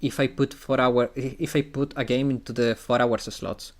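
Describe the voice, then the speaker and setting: A man's voice: medium pitch, fairly even intonation, moderate pace. A man streaming video games, chatting casually and thinking aloud, often repeating his phrases. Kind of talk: casual live-stream chat.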